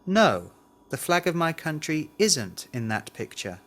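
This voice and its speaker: A man reads language drills slowly and deliberately, carefully enunciating model sentences. His voice is a little high, a bit bright, and very animated. He is a language lesson presenter reading words and answers in a scripted drill.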